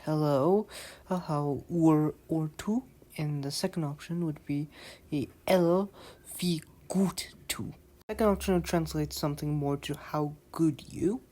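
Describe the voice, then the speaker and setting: A woman's voice: low-pitched, darkish tone, rough recording. A woman hosting a casual narrated explainer video, often repeating and restarting words as she reads along. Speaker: video host.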